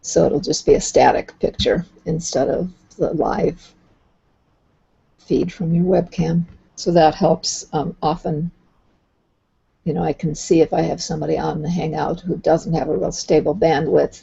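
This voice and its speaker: Husky low-voiced woman on a call. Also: steady tone, measured pace, warm tone. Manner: explains patiently, thinks aloud with restarts. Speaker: host. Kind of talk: casual explanatory chat. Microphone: computer mic on a video call. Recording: dull lo-fi online call audio.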